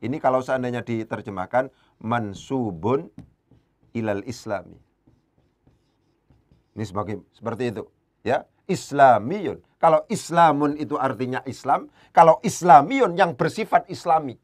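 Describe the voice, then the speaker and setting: A man's voice: expressive, moderate pace, pauses often. A man giving an evening Arabic grammar lesson, patiently explaining and repeating key terms, his voice lifting whenever he stresses a point. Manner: rises in pitch and volume when driving a point home.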